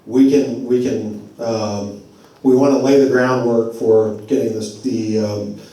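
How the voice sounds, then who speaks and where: A man's voice: medium pitch, fairly even intonation, slow, warm tone. Man addressing a forum in an echoey hall. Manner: conversational, loose and digressive. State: losing his voice. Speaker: advocacy group speaker at a community forum. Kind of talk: public address at a community meeting. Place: church meeting hall. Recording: very echoey hall, voice far from mic.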